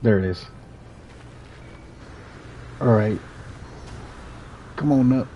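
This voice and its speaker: This streamer is a young man from Puerto Rico who speaks Spanish natively, with a Puerto Rican accent, and keeps up easygoing, rambling commentary on his game, frequently starting sentences over. He talks extremely slowly in a lowish voice over lo-fi audio with slight background noise.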